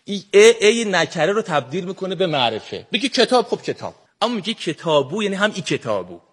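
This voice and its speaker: A man's voice: sits high, sing-song, fairly bright tone. A middle-aged man with a Shirazi accent doing stand-up comedy on a stage, with a lazy, drawling, joking delivery. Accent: Shirazi Persian.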